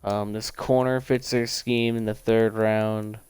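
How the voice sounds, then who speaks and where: A man's voice: lowish voice, little pitch movement, a little mellow, clear, resonant tone, dry recording. Young man streaming, casual rambling talk. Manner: rambling, thinks aloud, quick bursts. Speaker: livestreamer. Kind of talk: casual gaming commentary.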